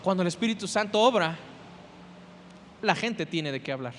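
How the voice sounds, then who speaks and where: Male pastor, Mexican accent, high voice, dramatic sermon delivery, long church reverb. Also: lively intonation, moderate pace, slight background noise. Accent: Mexican Spanish. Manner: preaching with sudden swings between shouting and soft intensity.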